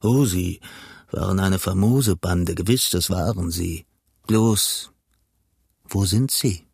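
A man voicing a cunning older pirate cook who talks in a gruff, blustering, lecturing way, in an audiobook reading. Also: low voice, slow, darkish tone, dry recording, clean studio sound, pitched below the performer's own voice, heavily acted. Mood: scheming.

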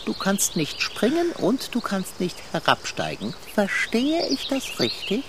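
A man's voice: high-pitched, huge pitch swings, unhurried, noisy background, full character voice. A man voicing a pompous, sarcastic tomcat in a radio play, speaking in stilted old-fashioned phrases. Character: pompous male tomcat, dry and condescending.

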